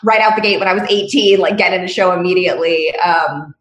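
A woman's voice: lowish voice, a little fast, fairly bright tone. Hesitant dancer woman, roomy sound. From Las Vegas. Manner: hesitant, many ums and likes. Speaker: dancer guest. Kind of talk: casual interview chat. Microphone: video call from home.

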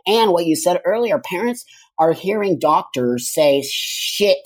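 A woman with a low, slightly husky voice talks as a guest in a casual interview. She speaks emphatically and keeps affirming what she hears. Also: expressive, measured pace.

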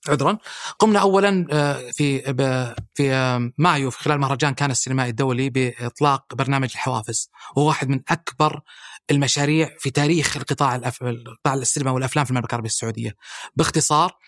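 A middle-aged Saudi-accented man, head of a national film body, speaks as a guest in a podcast interview. He explains fluently and lists points with frequent hesitation sounds, in a rapid-fire, medium-pitched, slightly bright voice. The audio is studio quality with no room sound.

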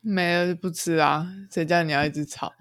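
A podcast co-host, talking calmly and thoughtfully in casual chat. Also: mid-range voice, fairly quick, smooth, dry recording, studio quality.

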